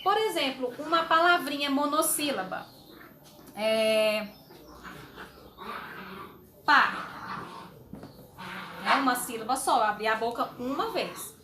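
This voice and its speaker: A woman teacher explaining a homework sheet to young children, slowly and patiently, with fond little words. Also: high-pitched, animated, fairly bright tone, a little hiss or hum. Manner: slow, patient, uses diminutives. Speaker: schoolteacher.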